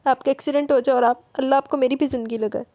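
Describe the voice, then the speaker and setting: A woman's voice: fairly high pitch, warm tone, no echo, close to an everyday voice. A woman voicing an innocent young bride in an audiobook novel, earnest and pleading as she answers her husband. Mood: tearful pleading.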